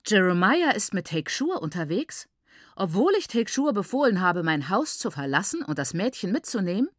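A woman's voice: mid-range voice, very animated, normal speed, no room sound, studio quality. A woman reading the lines of a stern older man who heads the family, speaking in a commanding, questioning way. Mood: shocked.

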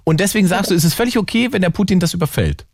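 A man's voice: high-pitched, animated, racing, creaky, a little mellow, no echo, studio quality. A male host in a heated debate, pushing back hard, cutting in and repeating his points. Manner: pushy, interrupting, repeating himself.

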